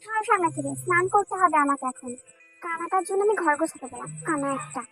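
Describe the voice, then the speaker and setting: Woman as a touchy teenage girl, very high-pitched and pouting, for a dubbed fan drama. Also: lively intonation, fairly bright tone, soft background music, full character voice, rough recording. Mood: angry. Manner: pouting, quick to take offence. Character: sulky, hot-tempered teenage girl in love.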